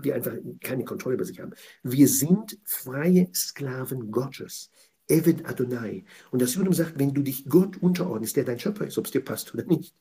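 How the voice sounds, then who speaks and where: A man giving a passionate weekly Torah commentary, swinging between quiet explanation and loud, indignant outbursts. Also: medium pitch, gravelly.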